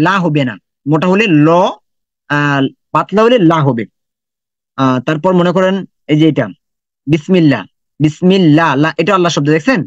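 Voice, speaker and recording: A man's voice: a little high, dry recording, dull audio. A man teaching an online lesson in Quran recitation, patiently explaining and repeating sounds and examples.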